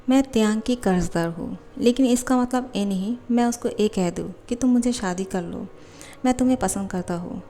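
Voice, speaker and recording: A woman voicing a shy young man who muses quietly to himself, lovesick and unsure. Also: medium pitch, slight background noise, lightly acted. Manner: quiet musing inner voice.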